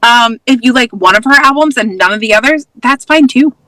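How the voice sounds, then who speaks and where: A woman's voice: a little high, fairly quick, dry recording, poor audio. A woman from Massachusetts, a mom and preschool teacher, talking relaxedly as an interview guest and using many "like"s. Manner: relaxed, laughs often, many "like"s. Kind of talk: casual interview.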